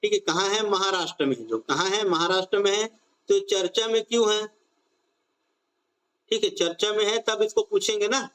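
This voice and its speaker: A man's voice: high voice, moderate pace, fairly bright tone, clear, resonant tone. A man teaching an online exam-prep class on current affairs, drilling students with repeated questions and stretching out key phrases.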